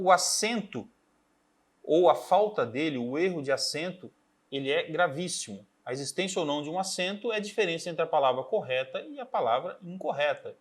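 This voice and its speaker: A man teaching a recorded grammar lesson, explaining step by step and often checking in with a quick "tá?". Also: a little high. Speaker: Portuguese teacher. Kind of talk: recorded exam-prep lesson.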